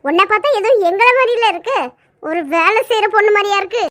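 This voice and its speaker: A very high, fast-talking cartoon young woman, bossy and jealous, with a taunting, scolding tongue, as a woman voices her. She runs her lines together in quick bursts. It sounds like animated cartoon voice acting.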